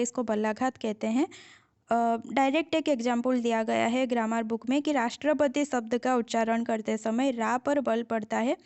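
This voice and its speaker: A woman with a high, light voice runs through exam grammar points one by one. She explains patiently, repeating each answer and checking in with her students as she goes. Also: a little mellow. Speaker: Hindi grammar teacher. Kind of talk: exam-prep grammar lesson.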